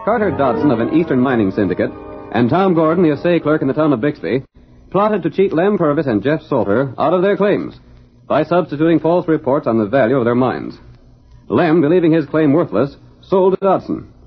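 A man's voice: fairly high pitch, sing-song, brisk, husky, soft background music. A man narrating as announcer in dramatic old-time radio style. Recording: dull vintage radio recording.

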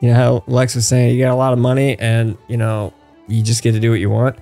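A man's voice: medium pitch, completely flat delivery, fast, gravelly, dark tone, faint music behind. A man hosting a casual podcast, rambling through news and laughing at his own jokes. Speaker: podcast host.

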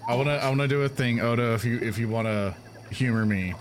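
A man's voice: mid-range voice, fast, a little hiss or hum. A man playing a tabletop game, chatting casually and repeating words as he hesitates. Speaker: player.

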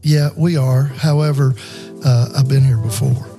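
A man voicing a calm rescuer who knows the way out, speaking in a reassuring way. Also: mid-range voice, measured pace, music in the background, natural voice. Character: calm man who has been there before.

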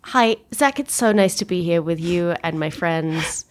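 A woman's voice: lowish voice, expressive, a little slow. A woman who is a guest on a tabletop game podcast, chatting and rambling in a friendly way over a video call. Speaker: guest player. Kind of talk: casual chat among friends.

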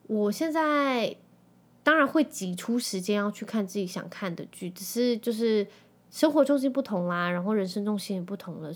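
A woman in her thirties with a Taiwanese Mandarin accent, hosting a podcast in a chatty, animated way and dropping in English phrases. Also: medium pitch. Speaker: podcast host. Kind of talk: casual chat.

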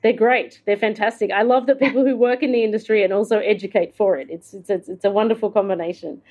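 A woman's voice: medium pitch, fairly even intonation, quick pace, dark tone. Enthusiastic woman podcast co-host. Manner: enthusiastic, encouraging. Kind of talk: reading a guest bio, then chatting.

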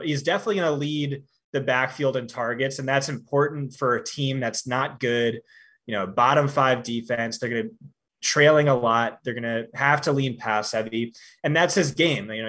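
Podcast guest analyst, male, conversational, stumbles into sentences then states views flatly. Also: mid-range voice, normal speed. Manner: frequent fillers and repeated starts, confident opinions. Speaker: fantasy football analyst guest. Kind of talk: casual podcast discussion.

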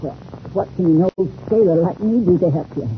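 A tinny, faintly noisy old radio serial recording. A man plays a gruff old seafarer, wary and evasive, who speaks haltingly like a rustic old-timer. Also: sits high, natural voice. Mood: earnest. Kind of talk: 1930s radio adventure serial acting.

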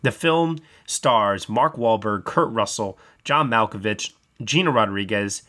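A man's voice: lowish voice, a little slow, sharp tone. A man hosting a film podcast in a casual, upbeat way, introducing his guests. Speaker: podcast host.

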